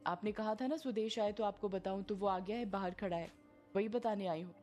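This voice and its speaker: A woman's voice: mid-range voice, moderate pace, dark tone, faint music behind, natural voice. A woman voicing a timid young village wife who speaks hesitantly and meekly to her husband. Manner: meek, hesitant, pleading.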